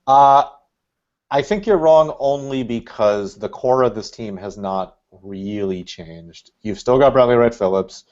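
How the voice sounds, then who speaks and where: A man's voice: mid-range voice, a little slow, darkish tone. Rambling man on a dull lo-fi line. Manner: rambling, thinking aloud with many fillers. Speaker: guest, Red Bulls fan. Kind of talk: casual podcast chat. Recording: dull lo-fi sound.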